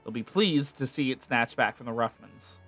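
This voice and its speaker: A man reading out a gruff, rough-spoken male sea rogue in a folksy slangy dialect. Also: medium pitch, normal speed, fairly bright tone, soft background music, lightly acted. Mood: stern.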